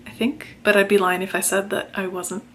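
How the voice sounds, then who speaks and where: A woman in her late twenties talking casually to camera as a book vlogger, in a measured, chatty way that explains things carefully. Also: medium pitch, monotone, a bit bright, a little hiss or hum. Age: late 20s. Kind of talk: casual vlog narration.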